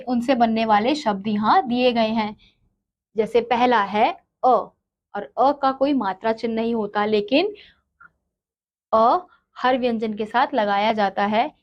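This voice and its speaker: A woman's voice: on the high side, highs cut off. A woman teaching a grammar lesson, asking questions and answering them herself. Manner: slow, asks and answers her own questions.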